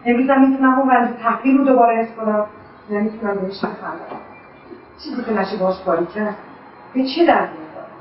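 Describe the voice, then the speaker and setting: A woman's voice: on the high side, a little hiss or hum, lightly acted. An actress playing an embittered middle-aged mother who lashes out with scorn, in a radio drama. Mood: weary, bitter. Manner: bitter, scornful outbursts. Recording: echoey, distant, dull lo-fi sound.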